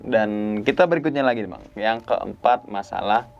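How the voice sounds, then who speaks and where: A man's voice: on the low side, animated, normal speed, gravelly, dull audio, faint music behind. A man hosting a casual podcast chat, asking questions and cracking jokes. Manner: chatty, jokey, frequent backchannel questions. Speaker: podcast host.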